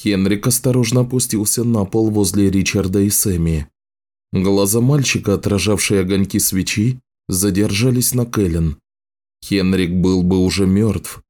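A man reading a fantasy audiobook as narrator, in a measured, even manner. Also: on the low side. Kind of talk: scripted narration.

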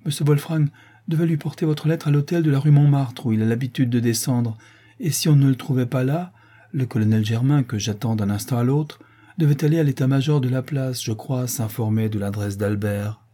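A man voicing a grave, sorrowful young woman who speaks gently and hesitantly, in an audiobook. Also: mid-range voice, brisk, natural voice. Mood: subdued.

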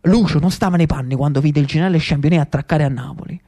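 A man's voice: fairly high pitch, fast, warm tone. A man narrating a radio theatre monologue in a theatrical storytelling style, ironic and wry, with sly asides.

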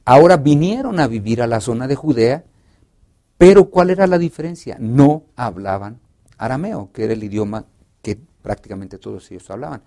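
A male pastor explaining a Bible study lesson in a lively conversational way, acting out short dialogues. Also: mid-range voice, normal speed. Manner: expressive teacher, acts out dialogue, many restarts.

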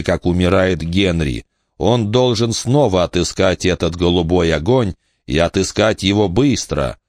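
A man narrating an audiobook in a steady, tense storytelling manner. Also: deep voice, no echo, studio quality.

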